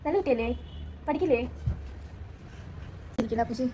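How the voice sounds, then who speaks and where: High-voiced woman coaxing a toddler. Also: normal speed, noisy background. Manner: coaxing sing-song talk to a toddler. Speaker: vlogger and mother. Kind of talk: casual family vlog talk.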